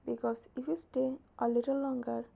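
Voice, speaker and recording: A woman voicing a cold, possessive young husband, low and curt, on a dull lo-fi recording. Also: flat delivery, moderate pace, gravelly, exaggerated voice.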